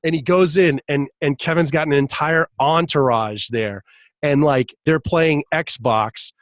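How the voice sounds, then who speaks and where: Speaking a little slowly in a voice on the high side, a hypnotist guesting on a podcast shares a story in casual conversation. He laughs a lot and acts out quoted lines in a raised voice, animated throughout, and there's no room sound.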